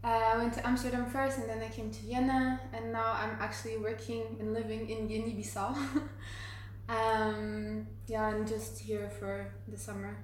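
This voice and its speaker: A woman from Portugal, a guest DJ, chatting relaxed and hesitant on a podcast. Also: fairly high pitch, normal speed, heavy reverb, far from the mic, a little hiss or hum. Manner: relaxed, hesitant, many fillers. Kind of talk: casual podcast conversation.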